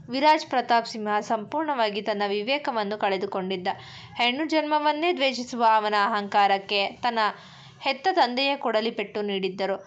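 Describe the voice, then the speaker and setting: A woman storyteller reading a dramatic story in a steady narrating voice. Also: fairly high pitch, highs cut off.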